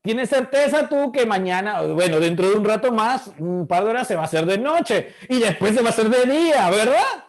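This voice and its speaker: A man's voice: high-pitched, lively intonation, moderate pace, hardly any pauses. A middle-aged man teaching an online class, asking the students questions and acting out their voices.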